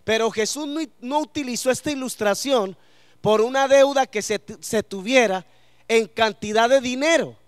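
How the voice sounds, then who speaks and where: A man's voice: very high-pitched, moderate pace, clean tone, no room sound, clean studio sound. A man preaching a sermon to a congregation in church, asking them questions and letting them answer.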